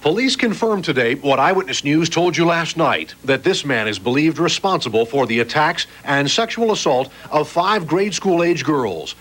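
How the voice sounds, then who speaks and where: A man delivering a local TV news report in a steady, formal reporting manner. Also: a little high, normal speed, hardly any pauses, rough recording. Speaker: field reporter.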